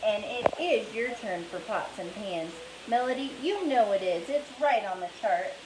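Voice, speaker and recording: A woman's voice: medium pitch, expressive, a little slow, reverberant, slight background noise, lightly acted, low-quality recording. A woman voicing a bossy, matter-of-fact little sister in a storybook.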